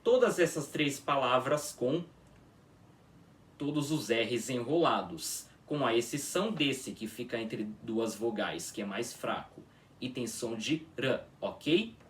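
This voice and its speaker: A man teaching a pronunciation lesson, demonstrating each sound slowly and checking in with his students. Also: mid-range voice, animated, recorded from a distance. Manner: drawn-out patient demonstrations, frequent "tá?" checks. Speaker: language teacher.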